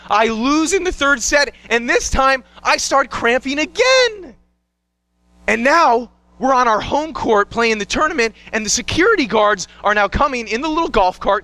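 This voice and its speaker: A young man performing a one-man show, telling a story in an animated way and acting out scenes and voices. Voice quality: bright, high-pitched voice. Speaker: solo stage performer.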